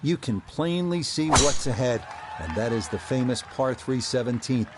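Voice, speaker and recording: A man giving measured, descriptive play-by-play golf commentary as an announcer. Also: medium pitch, animated, very noisy.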